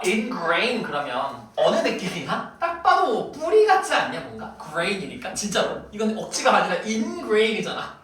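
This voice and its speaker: Lively teacher in an echoey classroom. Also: mid-range voice, slight background noise. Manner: playful, teasing, quizzes students. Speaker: English teacher. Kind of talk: classroom vocabulary lesson. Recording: very echoey room, voice far from mic.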